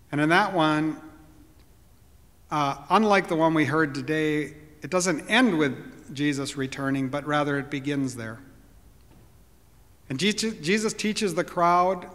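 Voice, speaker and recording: A man in his sixties preaching a sermon from a church pulpit, earnest and reflective. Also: fairly high pitch. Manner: earnest, reflective preaching with occasional soft laughs. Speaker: pastor. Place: church sanctuary, at a wooden pulpit. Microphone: pulpit microphone. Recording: long church reverb.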